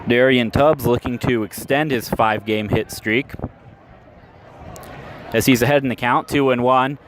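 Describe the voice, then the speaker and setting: Amid stadium crowd and background noise at an outdoor minor league ballpark, an American man delivers live radio play-by-play. His mid-range voice stays steady and unhurried.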